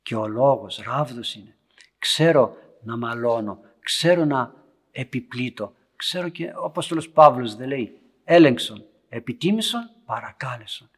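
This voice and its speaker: Priest for a parish homily: husky male voice, storytelling, swings from loud to hushed. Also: mid-range voice. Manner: storytelling, loudness rising and dropping to near whispers. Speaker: Orthodox priest. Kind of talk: homily to young parents. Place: church meeting room.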